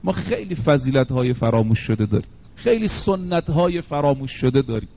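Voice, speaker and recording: A man, a cleric, preaching a sermon and slowing down to stress the sayings he quotes. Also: medium pitch, expressive, gravelly, dark tone, dull audio.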